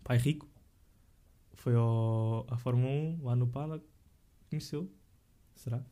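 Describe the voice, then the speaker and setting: A young man speaks European Portuguese in a casual podcast chat. His voice is extremely dark and mellow, with a middle pitch. He talks loosely in slang, with hesitations and restarts. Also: measured pace.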